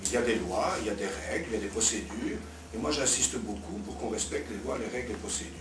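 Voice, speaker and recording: This man has a lowish voice, lively intonation, and talks fast, arguing off the cuff as an invited expert in a political round-table debate. His explanations are didactic, punctuated by repeated words. Background noise and music fill the echoey, roomy indoor cafeteria, with the mic set at a distance.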